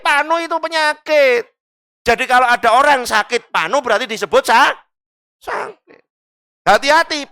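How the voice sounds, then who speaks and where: Lively, bright-voiced East Javanese preacher. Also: male voice, very high-pitched, smooth, no echo, studio quality. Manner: lively, jokey, mixing local dialect into the lesson. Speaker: Islamic teacher. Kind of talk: religious study lecture. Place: mosque.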